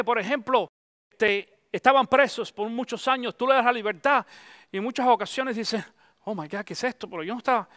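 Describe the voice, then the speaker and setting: Man, middle-aged pastor, high voice, conversational sermon, dry close sound. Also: fairly bright tone, clean tone, no room sound. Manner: conversational preaching, mixes English phrases into Spanish.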